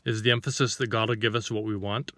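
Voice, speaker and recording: A man's voice: on the low side, fairly even intonation, fast, sharp tone, dry recording. A man giving an informal sermon to the camera, reading scripture and then explaining it with rhetorical questions and a few restarts as he searches for words.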